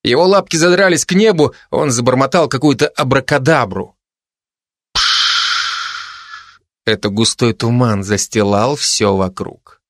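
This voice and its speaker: A man narrating a children's fantasy story in an even, expressive reading. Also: medium pitch, normal speed, hardly any pauses, no room sound, clean studio sound. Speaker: audiobook narrator.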